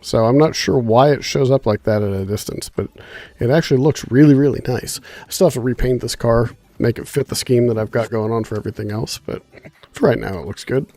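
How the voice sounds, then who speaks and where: A male streamer chats casually on a gaming livestream in a medium-pitched, dark, congested, nasal voice, talking fairly quickly. He's laid-back and rambling, thinking aloud with fillers, and the recording has no echo.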